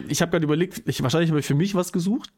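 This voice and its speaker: Young male co-host, loose and rambling, slang-heavy, quick to laugh. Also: fairly high pitch, darkish tone. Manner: rambling, self-correcting, laughs often, youth slang. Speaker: podcast co-host. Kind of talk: casual chat.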